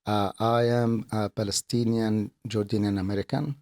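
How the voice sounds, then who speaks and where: A middle-aged man from Kuwait, a guest speaking in a casual interview, earnest and halting, often repeating words as he explains. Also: fairly low pitch, flat delivery, a little mellow, slight background noise. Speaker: podcast guest, accountant and business owner.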